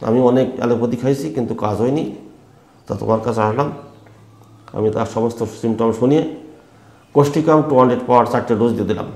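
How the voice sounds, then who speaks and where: A man's voice: medium pitch, darkish tone. A man, a homeopathic doctor giving an instructional health talk, emphatic and repeating his key points. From West Bengal, India. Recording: echoey room.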